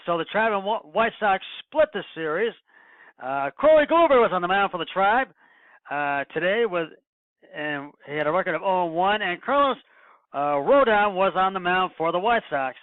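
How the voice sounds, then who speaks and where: A man hosting his own sports podcast alone, talking in a halting way with many fillers and restarts. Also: high voice, clean tone, dry recording. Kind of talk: solo sports podcast monologue. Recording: dry, tinny phone-like sound.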